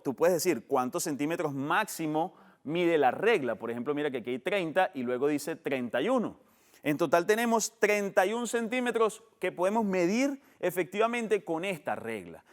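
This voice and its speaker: A male math teacher with a Colombian Spanish accent, speaking in a high, lively voice for his age and sex. His pitch swings widely as he explains step by step and points out what he is showing. He sounds like a presenter on an educational TV lesson. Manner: animated, explains step by step with demonstrations.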